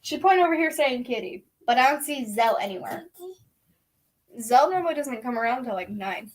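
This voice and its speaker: A woman's voice: high voice, animated, moderate pace. A woman vlogging casually from a bedroom, rambling and chatty, slipping into baby talk with a toddler. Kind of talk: casual chat.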